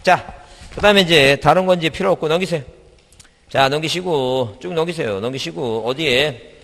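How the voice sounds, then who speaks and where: A man's voice: fairly high pitch, normal speed, creaky, a bit bright, in a large hall. A middle-aged man giving an exam-prep lecture, repeating points and quizzing his listeners with questions.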